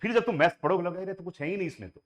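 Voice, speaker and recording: Coaxing man teaching maths, fairly high voice. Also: expressive, rapid-fire. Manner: coaxing and repetitive, mixes Hindi with English phrases. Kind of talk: classroom lecture.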